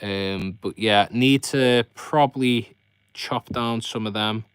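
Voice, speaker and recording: A man's voice: medium pitch, takes it slowly, smooth, no echo. A man hosting a casual live stream, chatting in a rambling way to viewers as he shows what he keeps. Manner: rambling, chatty commentary with viewers addressed directly. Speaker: host of a fishkeeping live stream. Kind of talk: casual live chat, showing his fish tanks.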